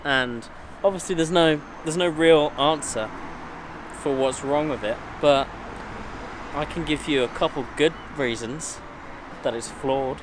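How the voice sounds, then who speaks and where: A man's voice: a little high, unhurried, noisy background. A young man with an English accent, chatting casually to camera in his home basement about exam results. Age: young adult. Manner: chatty, loose, swears casually. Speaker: vlogger. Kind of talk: casual vlog talk to camera.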